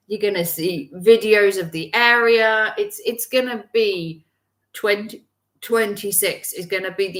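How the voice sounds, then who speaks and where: Woman in her forties, chatty livestream host, bright tone, echoey room. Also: mid-range voice. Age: 40s. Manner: chatty, rambling, with frequent restarts and fillers. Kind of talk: casual live-stream chat reading viewer comments.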